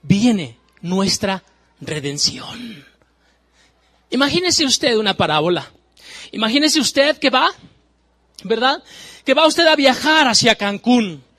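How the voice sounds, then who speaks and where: A man preaching a sermon, emphatic, moving from hushed warnings to loud exclamations and repeating phrases. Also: very high voice, animated, slow, long pauses.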